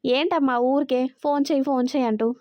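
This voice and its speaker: A woman's voice: sits high, steady tone, fairly quick, darkish tone, no echo, close to an everyday voice. A woman voicing a cheeky, loyal young male assistant who banters and pleads. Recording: dry, slightly dull recording.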